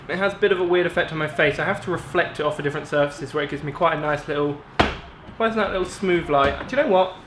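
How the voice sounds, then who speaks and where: A young British man with a slightly high voice talks in a casual, chatty vlog style. He explains things informally, and the room around him is very echoey, picked up by an on-camera mic. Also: a bit bright, a little hiss or hum. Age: 20s. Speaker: gaming video creator. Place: echoey room in parents' house. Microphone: on-camera shotgun mic.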